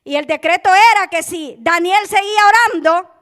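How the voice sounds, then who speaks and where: A woman preaching a sermon with passion, calling her listeners brother and swinging from loud to hushed. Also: very high-pitched, normal speed.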